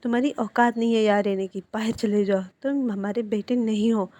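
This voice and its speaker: A woman's voice: a little high, steady tone, fairly quick, mellow, close to an everyday voice. A woman voicing a harsh, scornful father in a retold drama. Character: cruel, contemptuous father.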